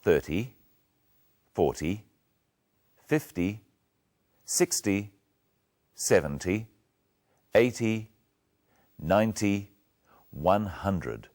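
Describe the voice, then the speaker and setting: A male English teacher giving a patient lesson, speaking clearly and drilling words one at a time. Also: fairly low pitch, expressive, extremely slow, long pauses, darkish tone. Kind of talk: slow, clear lesson narration.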